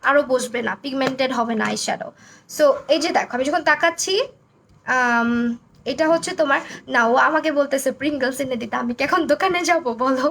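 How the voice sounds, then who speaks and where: A young woman from Bangladesh with a hoarse, broken voice, chatting through a live makeup tutorial and reading out viewer comments. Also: high voice, fairly quick, a bit bright, slight background noise.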